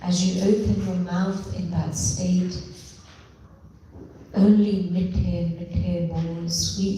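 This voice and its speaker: A woman leading a guided meditation in a slow, gentle, devotional way, mixing in Punjabi phrases. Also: on the low side, slight background noise. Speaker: spiritual session leader. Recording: very echoey room, voice from far off.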